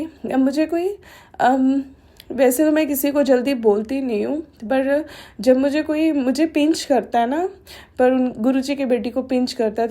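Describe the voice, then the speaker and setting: Speaking haltingly and with lots of fillers, a middle-aged woman gives a devotional testimony to her congregation. Her voice is high and mellow, and she blends English phrases into her Hindi.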